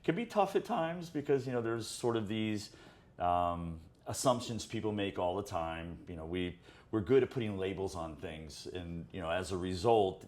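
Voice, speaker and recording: Deep-voiced man chatting reflectively. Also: lively intonation, normal speed, a little mellow. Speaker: podcast co-host. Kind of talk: casual chat.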